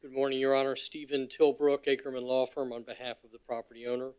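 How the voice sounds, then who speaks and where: A man's voice: mid-range voice, level tone, fast, darkish tone, clean tone. A man, an attorney for a property owner, giving brief formal remarks with small restarts, heard from a distant microphone in a public hearing room.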